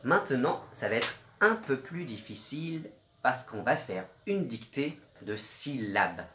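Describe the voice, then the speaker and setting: A man leads a dictation lesson for small children at an unhurried pace. He sounds out each letter patiently and encourages them kindly. His voice carries a noticeable echo from the room. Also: mid-range voice, very animated, a little hiss or hum. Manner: gentle, encouraging, spells out sounds slowly. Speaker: teacher.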